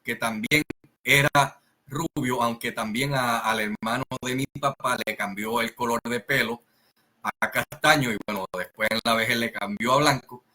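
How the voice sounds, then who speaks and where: A man with a Puerto Rican Spanish accent telling a family story in a slow, rambling way, full of fillers and restarts. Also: medium pitch, fairly even intonation, bright, forceful tone, low-quality recording. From Puerto Rico. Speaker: channel host. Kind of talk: casual storytelling monologue.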